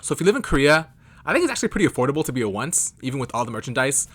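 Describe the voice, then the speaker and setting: A man's voice: mid-range voice, big pitch swings, rapid-fire, a bit bright, breathy edge. A young American man in his twenties, chatting casually to camera in a loose, rambling way. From California, United States. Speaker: K-pop fan vlogger.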